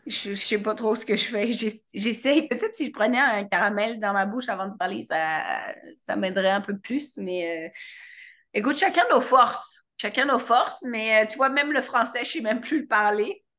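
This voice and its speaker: A French woman from France hosts a casual interview, her voice fairly high, fairly bright, and moderately paced. She chats playfully and pokes fun at herself along the way.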